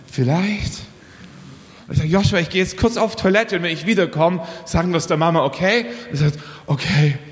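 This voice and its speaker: A man around forty giving a storytelling sermon at a youth church service, telling a lively family anecdote. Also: sits high. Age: 40s. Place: church hall. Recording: long hall reverb.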